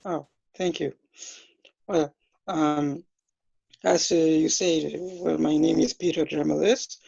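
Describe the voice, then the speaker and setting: Man, twenties, from France, hesitant speech, fillers, husky, lo-fi dull audio. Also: fairly high pitch, fairly even intonation, takes it slowly, a little mellow, no room sound. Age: 20s. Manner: hesitant, many fillers and restarts. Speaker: interview guest. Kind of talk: self-introduction in an interview. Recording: dull, lo-fi dry sound.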